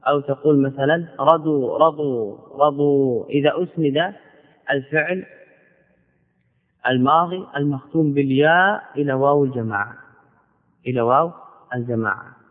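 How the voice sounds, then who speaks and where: A man teaching grammar as a sheikh, in a classical lecture style, who repeats key words slowly and asks and answers his own questions. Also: fairly high pitch. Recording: phone-like audio in a long-reverb hall.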